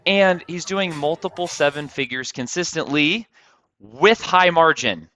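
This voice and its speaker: Male host, hyped and punchy, fairly high and bright, dry dull lo-fi sound. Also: animated. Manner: hyped, fast, repeats words. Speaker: podcast host. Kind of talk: energetic interview intro and chat.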